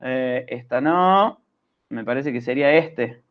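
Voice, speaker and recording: A male programming teacher with an Argentine Spanish accent, explaining patiently in an online class and often checking understanding with quick questions. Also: medium pitch, highs cut off.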